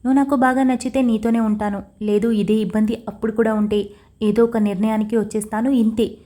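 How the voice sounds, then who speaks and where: A woman's voice: on the high side, level tone, fairly quick, dark tone, close to an everyday voice. A woman reading the lines of a torn, tearful young wife in an audio story, emotional and defiant. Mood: tense.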